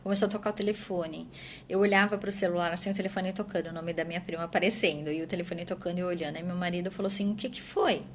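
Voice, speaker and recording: A woman telling her story as a mother in an earnest personal testimony, often tagging her phrases and trailing off softly at their ends. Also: fairly low pitch, steady tone, racing, a little hiss or hum. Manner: earnest, tag questions, drops softer at phrase ends. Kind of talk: personal testimony answering questions.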